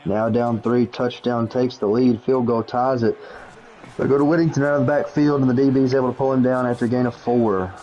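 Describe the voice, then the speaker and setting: A man calling play-by-play for a video game league, quick and jokey, rising to shouts on big plays. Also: medium pitch, steady tone, muffled recording, slight background noise. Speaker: play-by-play commentator.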